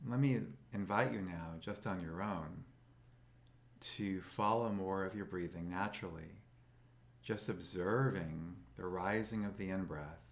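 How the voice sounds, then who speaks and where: A man leading a guided meditation, speaking slowly and gently in a soothing way. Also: low voice, gravelly.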